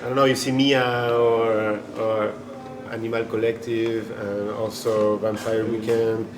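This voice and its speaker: A man's voice: fairly low pitch, level tone, unhurried. A man from Chile, a band member being interviewed, talking casually and rambling with many restarts and fillers. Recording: echoey room with noisy ambience.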